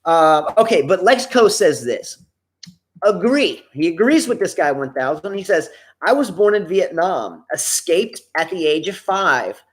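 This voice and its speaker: A man co-hosts a casual live talk show, reading viewer comments aloud and picking apart their wording. His high-pitched voice swings widely in pitch at a measured pace.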